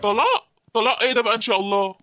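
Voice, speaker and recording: Woman voicing a proud rude Egyptian husband for a cartoon drama, fast, dry recording. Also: fairly high pitch, sharp tone, no echo, faint music behind. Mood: defiant. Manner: mocking and defiant. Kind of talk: animated drama dialogue.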